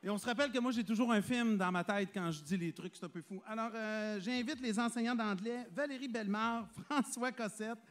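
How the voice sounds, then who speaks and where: A man's voice: high voice, fairly quick, few pauses. Man joking while announcing school prizes. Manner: self-mocking, laughs between names. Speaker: awards ceremony presenter. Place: school auditorium.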